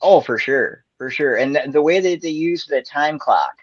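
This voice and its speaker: A man's voice: fairly high pitch, animated, normal speed, no echo, muffled recording. A man on a casual movie review panel, easygoing, with many fillers. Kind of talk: casual live-stream chat.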